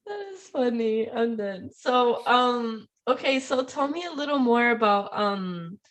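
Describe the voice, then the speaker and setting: A woman's voice: on the high side, a little slow. Woman host from Puerto Rico, casual and chatty, mixes in Spanish. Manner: chatty, mixes Spanish and English, laughs often. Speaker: podcast host. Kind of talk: casual conversation.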